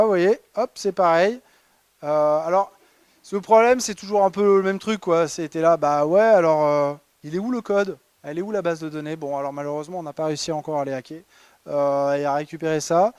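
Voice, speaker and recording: A man's voice: fairly high pitch, fairly quick, darkish tone, smooth, no echo. A man presenting a humorous award talk at a conference, ironic and chatty with many fillers and restarts. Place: conference hall.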